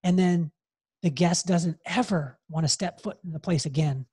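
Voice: mid-range voice, moderate pace, dark tone, husky, dry recording. A hairdresser and salon coach speaking as a podcast guest, emphatic and given to repeating key phrases. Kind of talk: podcast interview, motivational advice.

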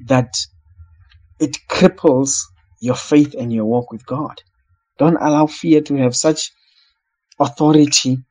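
A man's voice: mid-range voice, a little mellow, husky, poor audio. A man from South Africa preaching a sermon, earnest and repeating phrases for emphasis.

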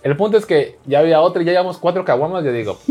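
A man's voice: fairly high pitch, lively intonation, very fast, dark tone. Mexican man, podcast guest, spins a bawdy anecdote and acts out both sides, casual and crude. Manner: crude, joking, acts out dialogue. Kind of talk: casual storytelling.

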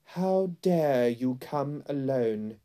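A man voicing a cruel, imperious witch queen in a storybook, with drawn-out, threatening delivery. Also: medium pitch, lively intonation, warm tone. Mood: furious. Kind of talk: storybook character voice.

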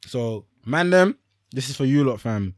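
A man's voice: mid-range voice, animated, a little slow, no echo, studio quality. A man in his twenties with a London roadman accent, co-hosting a casual podcast chat full of slang and repeating himself for emphasis. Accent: London roadman, multicultural urban London. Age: 20s. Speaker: podcast co-host.

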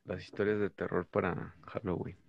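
A man's voice: low-pitched, level tone, moderate pace, gravelly, dry recording, dull audio. A man with a Mexican Spanish accent, co-hosting a podcast in laid-back, slangy casual chat. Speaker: podcast co-host.

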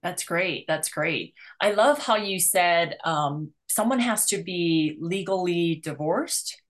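A woman's voice: lowish voice, slow pace. A woman hosting a conversational interview, affirming her guest and restating points before she asks questions. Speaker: interviewer, show host.

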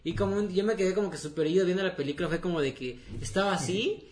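A man's voice: high-pitched, fast. A young man with a Mexican accent, telling stories in a slangy, casual podcast chat. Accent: Mexican Spanish. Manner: slangy, storytelling with acted-out quotes. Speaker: podcast co-host.

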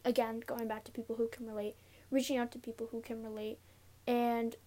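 Young woman, higher-pitched, nervous and giggly, halting casual solo podcast delivery from inside a closet. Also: flat delivery, dark tone. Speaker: podcast host. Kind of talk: casual confessional solo talk. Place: inside a closet, sitting on a pillow.

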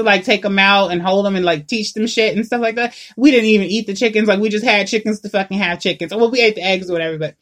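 A woman's voice: mid-range voice, fairly bright tone. Casual, profane woman telling a story. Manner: profane, laughing, rambling with many fillers. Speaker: storyteller host.

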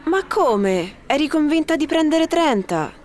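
A woman's voice: sits high, sing-song, measured pace, a little mellow. A woman voicing a supportive young female friend in a scripted lesson dialogue. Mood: encouraging.

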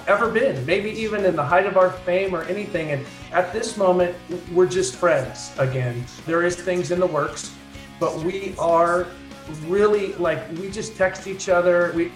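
A man in his fifties chats as a podcast guest, earnest and upbeat as he reflects on his life. His voice sits a little high. The room around him rings with echo, with faint music beneath. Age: 50s. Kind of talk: casual interview chat.

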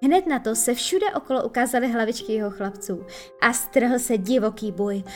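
A woman narrating a children's storybook in a lively, expressive way. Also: fairly high pitch, soft background music. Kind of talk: storybook reading.

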